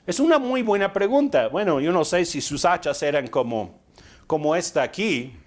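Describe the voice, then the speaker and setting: A man delivers a sermon, telling stories in a relaxed, conversational way. He poses rhetorical questions and pauses on fillers as he goes. His voice sits a little high for a man. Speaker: preacher.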